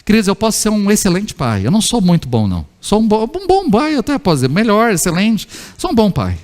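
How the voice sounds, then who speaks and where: A man's fairly high voice carries through a church hall with a long echo. He is a middle-aged pastor who preaches in a chatty way. He asks the people question after question and acts out little family scenes. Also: huge pitch swings, fast talker. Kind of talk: sermon.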